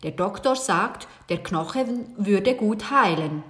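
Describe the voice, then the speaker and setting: A woman's voice: mid-range voice, expressive, slow, a bit bright. A woman voicing a genial, chatty older uncle with an injured leg in a children's audiobook. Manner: chuckling, chatty.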